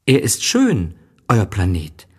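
A man's voice: huge pitch swings, slow pace, a little mellow, slightly rough, heavily acted. A man voicing a curious, earnest small boy prince who keeps asking questions in an audiobook reading. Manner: high, wondering, pressing questions.

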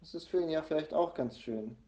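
A man reading a storybook aloud and voicing a strong-willed little girl with a shrill, emphatic tone. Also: a little fast, mellow, dull audio, natural voice. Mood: pleading.

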